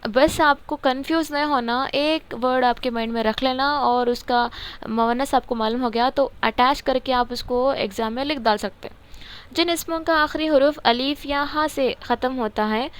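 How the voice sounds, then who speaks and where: A woman teacher with a high, smooth voice covers a grammar textbook in an informal lesson. She repeats words often, raising questions and supplying the answers herself.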